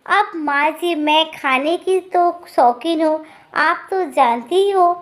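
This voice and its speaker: A gluttonous young village wife, as a woman storyteller puts her on, sheepish and pleading. Her voice is high and her speech slow.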